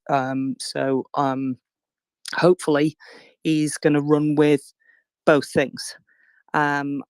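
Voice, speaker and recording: Even-toned woman giving an update. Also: low-pitched, no echo. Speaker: guest speaker. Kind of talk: informal spoken update.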